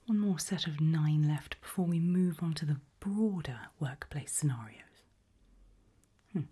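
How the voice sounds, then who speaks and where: A calm HR interviewer for an evil organisation, politely sinister, is the character a woman whispers as in this ASMR piece. She murmurs softly and deliberately, pausing between phrases. Her tone is breathy, falling into low, soft murmurs.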